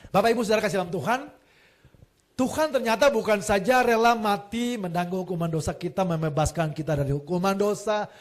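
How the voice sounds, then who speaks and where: A man preaching a sermon as a pastor, telling lively stories with jokes and acted-out quotes, swinging between loud emphasis and soft asides. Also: sits high, fairly quick.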